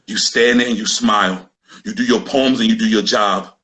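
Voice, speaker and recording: A man's voice: lowish voice, fairly even intonation, normal speed, fairly bright tone. A man performing a slam poem with an intense, rhythmic spoken-word delivery. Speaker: slam poet.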